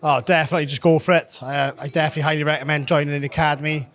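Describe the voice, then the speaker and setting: South Welsh man, slightly higher-pitched voice. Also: little pitch movement, racing, a bit bright. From South Wales. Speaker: academy student giving a testimonial. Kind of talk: casual interview answers.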